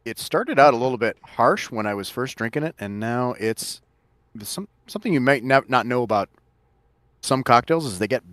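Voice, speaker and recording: A man's voice: mid-range voice, animated, moderate pace, a bit bright, no echo. A man hosting a casual drinks show, rambling and correcting himself as he talks. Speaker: host mixing drinks. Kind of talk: casual chat.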